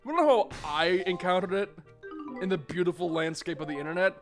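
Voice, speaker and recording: A man streaming a game, chatting excitably and laughing, with tangled rambling asides. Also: high voice, quick pace. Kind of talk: casual gameplay chat. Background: game music.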